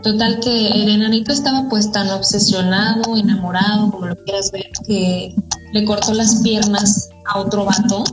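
A woman with a Mexican accent chats casually as a podcast co-host, using an informal, slangy way of talking. Her pitch is average for a woman. The sound is echoey, with music clearly audible behind her. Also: fairly even intonation, moderate pace. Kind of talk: casual chat. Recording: roomy echo, music behind.

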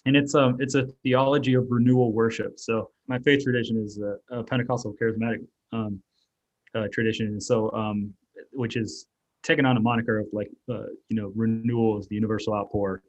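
This is casual interview talk: a German-raised native German speaker, an author and artist, meanders through his answers with fillers and false starts. His voice is lowish and flat, the pace fairly quick. The recording sounds muffled.

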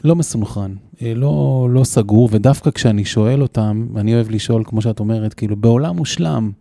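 A man's voice: mid-range voice, gravelly, mellow, dry recording, clean studio sound. A man hosting a podcast interview, asking long rambling questions full of fillers. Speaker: podcast host.

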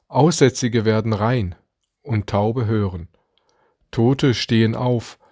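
Guy reading an advent devotion really slow and careful, dry close sound. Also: medium pitch, darkish tone, slightly rough, no echo. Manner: slow, deliberate reading with dramatic quoted lines. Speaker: preacher.

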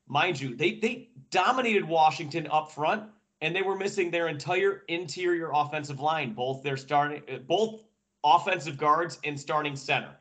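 A man giving casual sports commentary as a podcast panelist, colloquial and emphatic like an invested fan, often repeating phrases. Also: fairly high pitch. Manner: animated fan talk, emphatic repetition, colloquial. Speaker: podcast panelist and football analyst.

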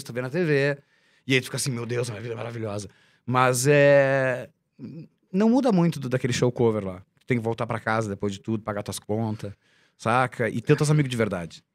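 A man, a musician guest in a casual chat, talking in an animated, slangy, emphatic way. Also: mid-range voice.

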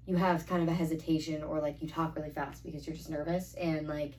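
A woman's voice: low-pitched, flat delivery, fast talker, a little mellow. Rambling young woman, a bit off-mic. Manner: rambling, heavy use of "like", swears casually. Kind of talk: casual chat. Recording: slightly distant mic, faint background noise.

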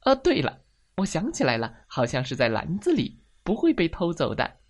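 A woman's voice: deep voice, huge pitch swings, normal speed, voice pushed up, exaggerated voice. A woman voicing a forgetful, fussy mother hen who exclaims and frets in a storybook reading. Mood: relieved. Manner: flustered, exclaiming.

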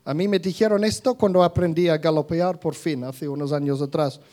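A man's voice: on the high side, steady tone, brisk, warm tone. A man giving a casual talk to an audience. He speaks conversationally, with many restarts, and acts out little scenes.

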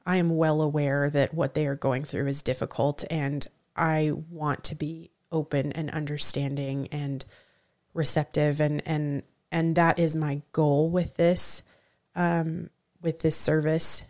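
Deep-voiced woman vet, sincere, careful, keeps restarting sentences. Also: little pitch movement, darkish tone. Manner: sincere and deliberate, frequent restarts. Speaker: veterinarian. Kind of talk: interview answers.

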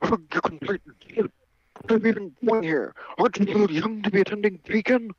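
A man's voice: sits high, moderate pace, breathy edge. A man voicing a haughty rich teenage girl who lectures in a snooty tone. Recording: dull lo-fi mic.

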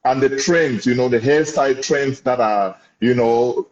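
A man hosts a casual interview in an encouraging manner. His voice is dark and mellow at a middling pitch. The sound is somewhat muffled, with clear room echo. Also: measured pace. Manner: encouraging, complimentary. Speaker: host of a business interview show. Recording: muffled audio in an echoey room.

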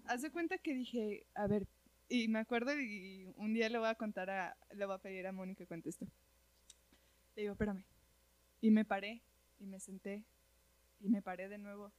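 A woman with a Mexican accent telling a personal story in casual chat, animated and slangy, peppering her talk with "güey". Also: medium pitch, normal speed, pauses often, no echo.

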